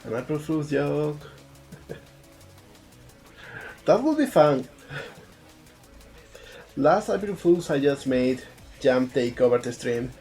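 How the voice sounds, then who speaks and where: Speaking slowly with long pauses, this game developer has an expressive, darkish voice of medium pitch. He's from Spain, Spanish is his first language, and he has an Andalusian accent; on his live art stream he chats casually, thinks aloud while working, and repeats words often. Soft background music accompanies him.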